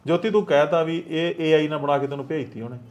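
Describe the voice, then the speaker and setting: A man's voice: fairly high pitch, fast, close to an everyday voice. A middle-aged man playing a stern, protective village headman who scolds in a firm, fatherly way. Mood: concerned. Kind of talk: acted village drama dialogue.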